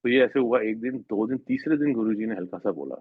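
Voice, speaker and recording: Husky man telling an earnest story over a tinny line. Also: fairly low pitch, fairly quick, no room sound. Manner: earnest, rambling storyteller who restarts sentences. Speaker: devotee sharing a personal spiritual experience. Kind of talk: personal testimony at a devotional gathering. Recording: tinny phone-like sound, dry.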